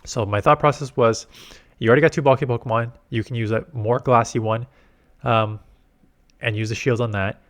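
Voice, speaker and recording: A man's voice: medium pitch, fairly even intonation, normal speed, a bit bright. A man from Canada giving casual commentary on game strategy, explaining at length and often correcting himself mid-sentence. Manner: rambling, self-correcting, explanatory. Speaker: gaming YouTuber.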